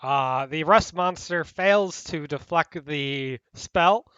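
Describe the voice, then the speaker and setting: A man's voice: fairly high pitch, slow, a bit bright, smooth, dry recording, muffled recording, faint music behind. A man narrating as game master, describing scenes in a loose, conversational way with frequent fillers.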